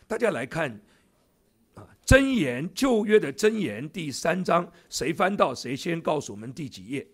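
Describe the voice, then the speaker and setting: A man's voice: a little high, big pitch swings, moderate pace, slightly rough. A man in his seventies, a church elder, preaching a sermon in a church with jokey asides to the congregation. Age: 70s.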